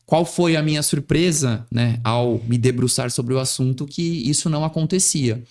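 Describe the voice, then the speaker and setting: Interviewed on a podcast, this São Paulo-born tax lawyer speaks with the city's Portuguese accent, articulate, rhetorical, and witty, with frequent use of "né". His voice is medium-pitched and darkish, at a moderate pace.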